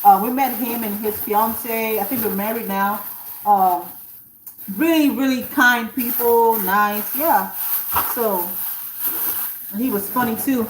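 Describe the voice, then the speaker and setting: A Nigerian woman, an author, takes her time chatting and rambling to livestream viewers while cooking in her home kitchen. Her voice is a little high, and the roomy, distant recording has a slight hiss or hum plus running tap water.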